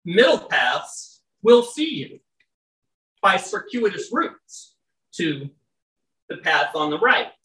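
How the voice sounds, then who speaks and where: This is a loud, wry, very animated poet of medium pitch performing their own work in a roomy indoor venue before a live audience. Casual, chatty asides sit between slow, measured readings, and the stage mic often loses them, so the audio sounds distant.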